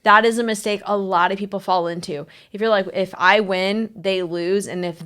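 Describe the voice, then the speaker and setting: A woman's voice: medium pitch, steady tone, moderate pace, a bit bright, clear, resonant tone. A woman co-hosting a casual talk about marriage, speaking frankly and with many fillers. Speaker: marriage coach, co-host.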